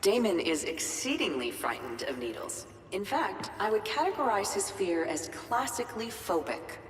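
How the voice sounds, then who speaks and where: A woman's voice: mid-range voice, sing-song, moderate pace, a little hiss or hum, lightly acted. A woman voicing a precise, formal female workshop AI with a dry, matter-of-fact manner. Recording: echoey hall from far off with game music.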